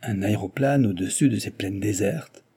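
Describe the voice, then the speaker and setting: A man reading voicing an impulsive young Frenchman, eager and quick to act. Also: on the low side, gravelly, warm tone, breathy edge, exaggerated voice. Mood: doubtful.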